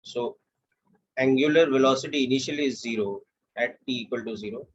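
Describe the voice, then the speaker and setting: A young man with an Indian English accent, teaching a physics lesson step by step in a steady, explanatory way. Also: mid-range voice, a little fast, lo-fi sound, a little hiss or hum. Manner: steady, explanatory, walks through steps aloud. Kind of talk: classroom lecture.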